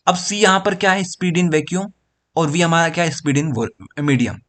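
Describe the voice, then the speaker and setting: A man with a Hindi-speaking Indian accent lecturing on physics at a board. His voice sits a little high for a man. He goes slowly, repeats terms over and over and keeps checking that the class understands. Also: expressive, fairly bright tone. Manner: repetitive, explains each step slowly and checks understanding. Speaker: physics teacher.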